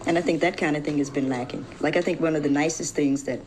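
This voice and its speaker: Fast-talking woman with a low voice. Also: fairly even intonation. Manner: quick, frank and chatty. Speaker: interviewer. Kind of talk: lively televised conversation. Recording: archival broadcast with faint noise.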